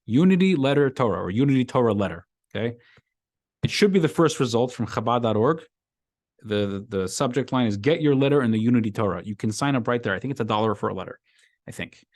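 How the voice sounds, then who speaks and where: Talking fast at a medium pitch, this rabbi from Brooklyn, USA runs a casual weekly Torah class in an emphatic, repetitive way. Phrases get said again and his lines climb with animation. The in-class microphone yields a dry, clean studio recording.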